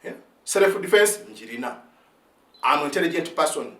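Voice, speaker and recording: A man's voice: fairly high pitch, expressive, moderate pace, fairly bright tone, far from the mic. A man in his fifties, an army sergeant whose first language is Luganda, gives an impassioned spoken account. He mixes Luganda with English phrases and keeps asking "eh?" of his listeners, with stumbling restarts. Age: 50s. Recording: roomy sound, set back from the mic.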